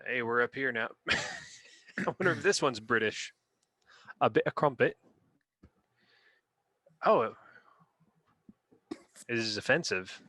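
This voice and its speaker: A man's voice: mid-range voice, expressive, slow pace, pauses often, pushed and bright, dry recording, studio quality. A man co-hosting a podcast, rating dictionary words in casual chat and reading definitions aloud in a playful, rambling way. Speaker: podcast co-host.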